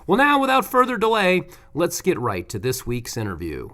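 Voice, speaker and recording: A man's voice: on the high side, wildly swooping pitch, normal speed, bright, forceful tone. A man presenting a scripted market report as a show's news presenter.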